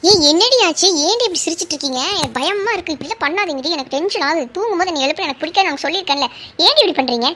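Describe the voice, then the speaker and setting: A woman's voice: very high voice, lively intonation, very fast, pushed and bright, heavily acted. A woman voicing a chatty girl telling a ghost story at camp, often asking "okay?". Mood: scared. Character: chatty storyteller girl who scares easily.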